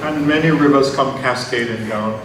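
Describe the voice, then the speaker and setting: Older man lecturing in an echoey hall. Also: medium pitch. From Jamaica. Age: 70s. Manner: unhurried, personal, with frequent ums and uhs. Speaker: invited lecturer. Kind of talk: academic lecture with slides. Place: large conference hall. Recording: very echoey hall, distant mic, noisy.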